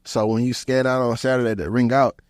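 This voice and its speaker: Man in his thirties, podcast host, animated slangy storyteller, medium pitch, dry close mic. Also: a little fast, no echo. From Houston, Texas. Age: 30s. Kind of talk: casual podcast chat.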